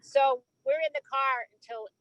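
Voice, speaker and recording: A woman joining a video call from a moving car, talking in a lively, offhand way. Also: high voice, moderate pace, slight background noise. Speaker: participant. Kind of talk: casual chat. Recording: muffled, distant car call.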